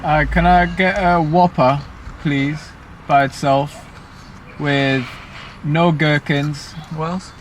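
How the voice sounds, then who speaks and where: A man, a husband and father, chatting in a relaxed, laid-back way in a car. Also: fairly high pitch, takes it slowly, soft background music. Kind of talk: casual chat. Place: inside a car.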